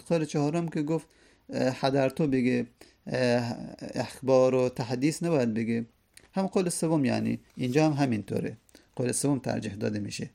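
A man teaching a lesson, who reads classical verses slowly and then explains them at length. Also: mid-range voice, vocal fry, mellow. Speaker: teacher of hadith studies.

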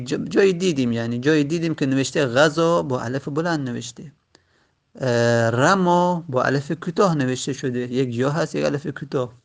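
A man teaching Arabic grammar in a classroom lecture, patient and repeating key points slowly. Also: mid-range voice, vocal fry.

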